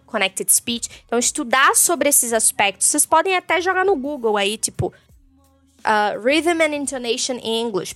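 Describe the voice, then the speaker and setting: A woman's voice: high voice, a bit bright, dry recording. A Brazilian woman who teaches English, giving a chatty podcast lesson and dropping English terms into her explanations. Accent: Brazilian Portuguese.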